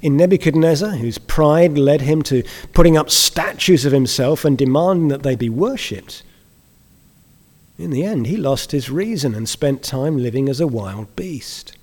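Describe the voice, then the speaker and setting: A man preaching a sermon in a kindly vicar's manner, explaining in measured phrases with deliberate pauses and rhetorical questions. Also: a little high, expressive, a little mellow. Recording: reverberant church hall.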